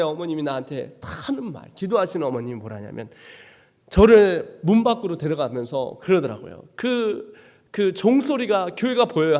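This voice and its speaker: A man preaching a dramatic testimony sermon as a missionary, swinging from hushed to shouting. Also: on the high side, long reverb tail. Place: church sanctuary.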